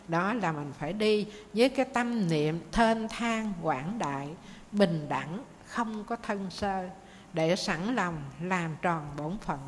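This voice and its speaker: Nun teaching, gentle storyteller, light hiss in the hall. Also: female voice, medium pitch. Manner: gentle, addresses students as children. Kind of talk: dharma talk with storytelling. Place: meditation monastery hall. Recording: faint noise, long hall reverb.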